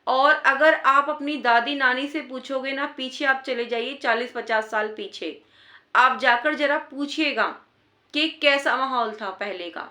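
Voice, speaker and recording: Bright high-voiced woman giving advice. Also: unhurried, reverberant. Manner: earnest, repeats points for emphasis. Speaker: advice vlogger. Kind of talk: casual advice talk to wives.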